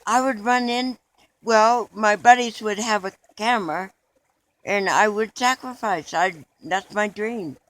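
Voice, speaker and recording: A man's voice: high-pitched, unhurried, a bit bright, low-quality recording. A man being interviewed in a mock documentary, talking in an earnest, rambling way with restarts.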